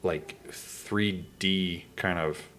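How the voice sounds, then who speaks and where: A man from northwestern Ontario hosts a casual interview in a very deep voice. He rambles, restarts his sentences and leans on fillers as he feels his way through a question. His low register and loose, halting delivery give an easygoing chat. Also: steady tone, fairly bright tone. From Northwestern Ontario, Canada. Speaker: podcast host.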